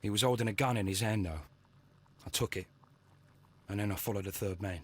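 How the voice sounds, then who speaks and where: A man with a lowish, fairly everyday voice, speaking a little fast over a faint hiss or hum, voices an anxious young working-class Victorian Londoner in a video game. With an English London accent, the young adult character stammers, shaken yet earnest.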